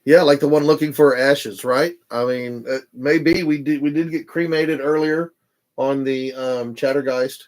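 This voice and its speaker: A man's voice: mid-range voice, steady tone, unhurried, darkish tone. A man, chatting casually on a livestream and reading viewer comments aloud. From Texas. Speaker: paranormal livestream host.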